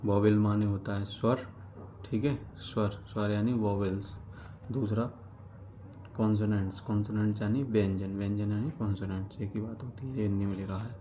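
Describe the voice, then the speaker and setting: A man's voice: fairly low pitch, steady tone, moderate pace. A man teaching a grammar lesson, explaining step by step, repeating key terms and answering his own questions. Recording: dull lo-fi recording with background noise.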